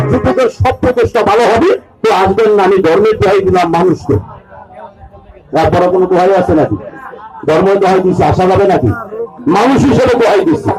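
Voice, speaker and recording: High-pitched loud Bangladeshi street hawker man. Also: rough recording. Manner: loud, insistent, haranguing, with repeated appeals and rhetorical questions. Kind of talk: loud street sales pitch to a gathered crowd, like a carnival barker.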